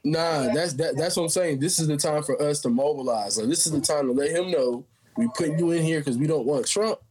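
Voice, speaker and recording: A man's voice: on the high side, fairly quick, a little mellow, breathy edge. An American man chatting casually about politics in a slangy, emphatic way.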